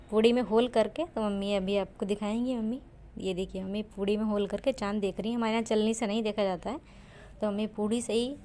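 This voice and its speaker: Soft-spoken young woman vlogger. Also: mid-range voice, a little hiss or hum. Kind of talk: vlog voice-over narration.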